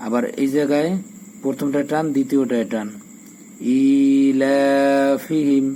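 Man teaching quran reading, flat even voice, spells letters then chants words long and slow, faint crickets behind. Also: medium pitch, slight background noise, rough recording. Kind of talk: Quran recitation lesson.

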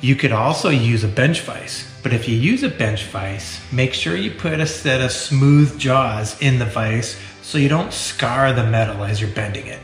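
A man's voice: mid-range voice, expressive, unhurried, few pauses. Man explaining in an echoey workshop. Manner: practical, plain-spoken, explains each step. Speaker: welding instructor. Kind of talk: step-by-step how-to instruction. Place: large metal-walled workshop garage. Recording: echoey workshop with faint music.

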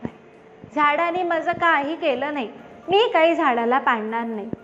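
A woman's voice: high voice, moderate pace, fairly bright tone, highs cut off, a little hiss or hum. A woman voicing an unwilling male carpenter in a children's story, curt and refusing.

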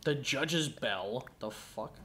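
A man's voice: medium pitch, lively intonation, slow pace, music in the background. A man giving casual, profane gameplay commentary, muttering to himself as he plays.

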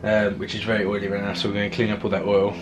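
In a garage and driveway, a young adult car vlogger with a British accent chats casually about working on his car into a handheld camera. He talks rapid-fire in a lowish, completely flat voice, and the camera audio is noisy.

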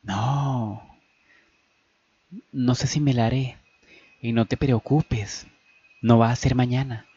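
Un hombre dando voz a Annie, una joven amiga insistente y burlona que da órdenes con desparpajo. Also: male voice, mid-range voice, fairly even intonation, takes it slowly, pauses often, mellow, breathy edge, no room sound, dull audio. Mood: teasing. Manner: teasing, insistent and bossy. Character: Annie, pushy cheerful young woman friend.

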